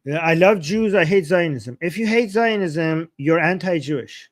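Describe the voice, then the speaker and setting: A man's voice: a little high, lively intonation, moderate pace, dry recording, studio quality. A man from Iran with an Iranian accent, hosting a live political reaction stream in an argumentative, insistent way, repeating points and asking rhetorical questions. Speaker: livestream host.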